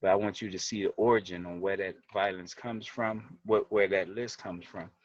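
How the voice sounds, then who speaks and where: Earnest low-voiced man presenting. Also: fairly even intonation, normal speed, lo-fi sound. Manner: earnest, walks through web pages on screen. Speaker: community organization leader. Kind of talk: livestream presentation.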